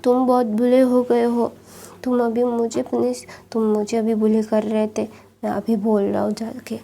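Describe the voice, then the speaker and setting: A woman's voice: fairly high pitch, monotone, unhurried, gravelly, mellow. A woman voicing a sulky, whiny young man. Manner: complaining, sulky. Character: pouty, whiny young man, easily upset.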